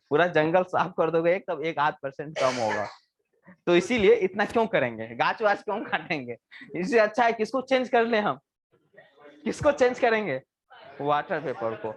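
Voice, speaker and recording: A male engineering teacher lecturing a live class in a lively voice that swings up and down. He keeps asking the students questions and answers them himself, and slows down sharply when he dictates a definition to be written down. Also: sits high. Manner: homely, colloquial teaching with everyday examples.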